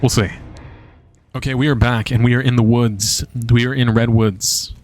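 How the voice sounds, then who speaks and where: Excitable man doing gameplay commentary. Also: mid-range voice, normal speed, no room sound. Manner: casual, excitable, swears often. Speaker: game streamer and video creator.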